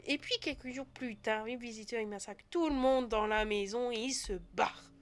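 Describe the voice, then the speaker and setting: A woman's voice: on the high side, normal speed, close to an everyday voice. A woman voicing a cold, self-righteous male hunter with a jumble of put-on accents. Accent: mixed put-on accents.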